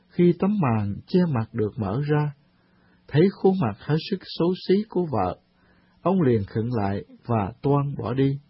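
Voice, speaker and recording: Husky man reading a radio talk. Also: mid-range voice, dry recording. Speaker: radio program presenter. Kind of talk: scripted radio talk and storytelling. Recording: dull lo-fi radio recording.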